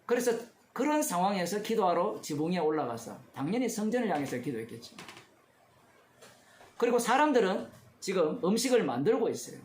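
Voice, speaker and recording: A man's voice: sits high, very animated, brisk, darkish tone, reverberant, slight background noise. A male pastor giving a conversational expository sermon, asking his congregation questions as he explains the text. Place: church.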